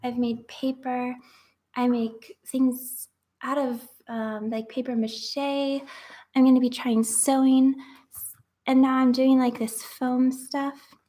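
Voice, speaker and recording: A woman's voice: sits high, level tone, takes it slowly, warm tone. A young woman chatting casually while making crafts, rambling with lots of fillers and sometimes dropping to a whisper.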